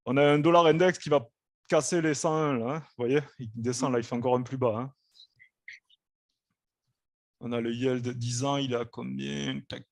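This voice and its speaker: A man's voice: mid-range voice, vocal fry, no room sound. A man hosting a live trading stream, giving casual, explanatory market commentary. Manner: relaxed, explanatory, repeats "hein" and "quoi".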